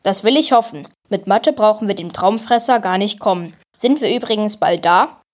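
A woman voicing a relaxed, cheeky little monster who teases in an easygoing way. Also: mid-range voice, normal speed, natural voice. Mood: teasing. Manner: teasing, easygoing.

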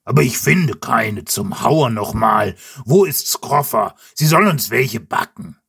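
A man voicing a grumpy, blustering wild-boar king in a gruff, grumbling tone for a storybook reading. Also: mid-range voice, expressive, slow pace, a bit bright, voice pushed up, exaggerated voice.

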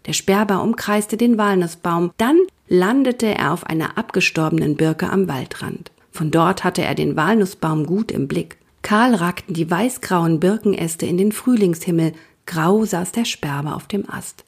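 A woman reading a children's nature story aloud, soft and partly whispered. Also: fairly low pitch, unhurried, few pauses, breathy edge.

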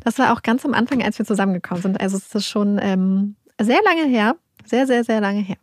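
A woman co-hosting a podcast, telling embarrassing stories in an animated, self-mocking way. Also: mid-range voice, a little fast, no room sound, studio quality. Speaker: podcast co-host. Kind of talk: casual podcast chat.

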